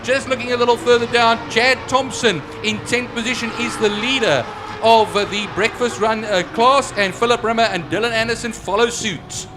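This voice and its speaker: Male motorsport commentator, high voice, engine noise. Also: fairly even intonation, normal speed. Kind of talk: live motorsport race commentary. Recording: clear motorcycle noise behind voice. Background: vehicle noise.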